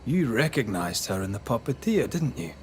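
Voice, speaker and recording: A man playing a solemn, righteous ghost hunter in a video game, measured and confronting. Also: medium pitch, big pitch swings, slight background noise, close to an everyday voice. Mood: grave, confronting. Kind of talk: dramatic video game acting.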